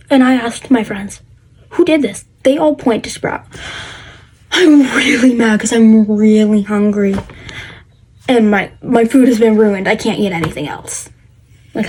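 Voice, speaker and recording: Teen girl vlogging her life story, high husky voice, lots of ums and likes. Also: darkish tone, poor audio. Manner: rambling with many fillers and restarts. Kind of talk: casual storytelling to camera.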